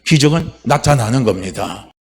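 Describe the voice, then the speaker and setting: A man preaching a Sunday sermon as pastor, repeating phrases and asking the congregation questions, swinging from loud calls to low asides. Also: animated, moderate pace. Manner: repetitive, call-and-response questions to congregation. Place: church sanctuary.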